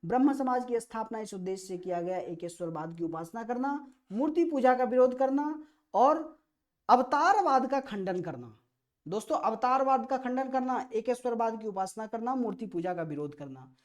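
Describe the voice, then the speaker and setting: This Indian-accented woman speaks on the high side, expressively and at a moderate pace. Her exam-prep class is a quiz-style history lesson: she reads each question aloud, then explains the answer, hammering home key phrases by repeating them.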